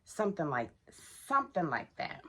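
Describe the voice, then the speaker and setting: A woman's voice: low-pitched, big pitch swings, moderate pace, fairly bright tone, slightly rough. A middle-aged woman vlogging casually while getting ready, chatty and talking to viewers as y'all, in a groggy morning voice. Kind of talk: casual get-ready-with-me vlog.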